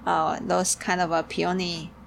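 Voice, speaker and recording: A woman hosting a casual podcast chat, haltingly searching for her words. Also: fairly low pitch. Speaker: podcast host and tea shop keeper. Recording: clear steady background noise.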